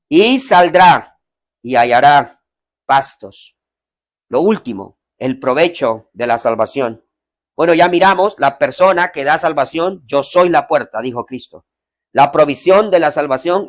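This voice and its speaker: A man preaching an evangelistic sermon in a family home, addressing online listeners, swinging from loud, slow lines down to hushed ones. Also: fairly high pitch. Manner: dynamic preaching, swells loud then drops to near whisper.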